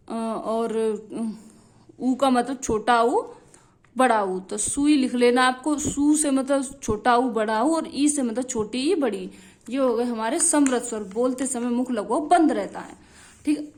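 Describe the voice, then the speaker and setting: Young woman, teacher, high voice, repetitive drilling, frequent check-ins. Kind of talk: explanatory teaching lesson.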